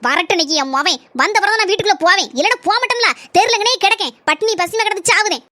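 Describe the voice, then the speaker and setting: A woman's voice: very high voice, rapid-fire, pushed and bright, no room sound. A woman voicing a stubborn old village mother-in-law in a cartoon, speaking with a Kanyakumari Tamil accent in a grumbling, self-pitying way.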